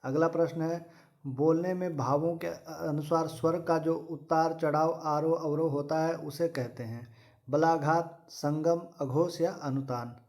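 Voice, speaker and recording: A fairly high-voiced man works through exam questions one by one. He talks at a steady, methodical pace and repeats the same set phrases for each answer. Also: unhurried. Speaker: exam prep teacher. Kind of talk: reading quiz questions and answers.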